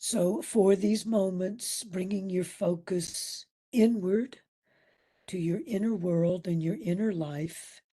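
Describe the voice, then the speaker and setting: A medium-pitched woman takes the instructor's role in a guided meditation. She sounds gentle and soothing, pausing at length, her breathy voice sometimes sinking nearly to a whisper.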